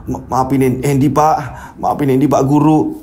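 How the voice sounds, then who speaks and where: A man's voice: mid-range voice, little pitch movement, normal speed, mellow, a little hiss or hum, lightly acted. A lazy, dishonest young son, voiced by a man, mumbles hesitantly, tripping over his words. The voice stays close to the storyteller's own. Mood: sheepish.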